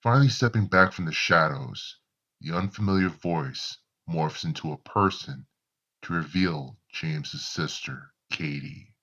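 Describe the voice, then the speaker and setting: A man narrating a horror story in a slow, deliberate storytelling manner. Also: a bass voice, sharp tone, husky, dull audio.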